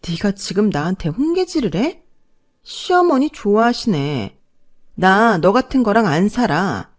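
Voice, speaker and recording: A woman's voice: medium pitch, very animated, moderate pace, a little mellow, pitched above the performer's own voice. A woman voicing a furious adult daughter who scolds sharply and indignantly.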